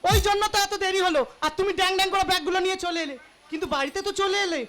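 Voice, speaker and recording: Male actor in drag voice: squabbling pregnant village wife, very high pitch, folk comedy. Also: rapid-fire. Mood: pleading. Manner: high shrill put-on woman's voice, squabbling. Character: pregnant young village wife, whiny, teasing. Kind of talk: folk stage comedy acting. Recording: live stage mic with loud music.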